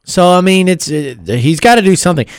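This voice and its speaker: Sports talk guy, smooth clear voice, dry sound, chuckles a lot. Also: sits high, expressive, a little fast, no room sound. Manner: laughs often, conversational.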